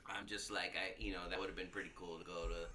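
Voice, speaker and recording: A man's voice: low-pitched, little pitch movement, fast talker, pushed and bright, a little hiss or hum. A man from Southern California co-hosting a podcast, rambling and self-deprecating, laughing easily in casual joking chat. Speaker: podcast co-host.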